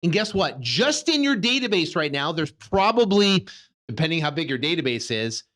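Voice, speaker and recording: A man co-hosting a real estate coaching pitch, speaking emphatically and using rhetorical questions. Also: big pitch swings, normal speed, fairly bright tone. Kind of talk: sales pitch, co-host.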